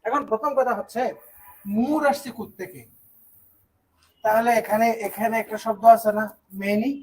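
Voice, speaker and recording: A teacher from Bangladesh teaches English grammar in an online class. The voice sits at a middle pitch and moves patiently through each point. Quick rhetorical questions keep the students following along. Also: a little mellow, breathy edge, poor audio. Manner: explains step by step, asks rhetorical check questions.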